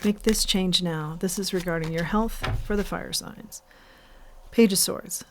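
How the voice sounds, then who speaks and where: A woman giving an intuitive tarot reading as host, saying the card names slowly and repeating her advice earnestly. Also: lowish voice, noisy background. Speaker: tarot reader.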